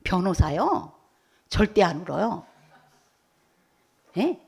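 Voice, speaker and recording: A woman's voice: on the low side, sing-song, takes it slowly, vocal fry, slightly rough. Woman preaching, quizzing her congregation. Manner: asks the congregation questions and waits for replies; bursts out with hallelujah. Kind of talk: sermon to a congregation. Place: church service.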